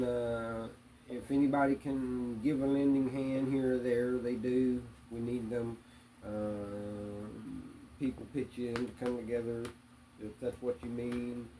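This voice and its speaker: A man answering interview questions in a hesitant, plainspoken way, with many pauses and fillers. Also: mid-range voice, warm tone, slight background noise, low-quality recording. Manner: hesitant, many ums and uhs; plainspoken, religious. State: hiccups.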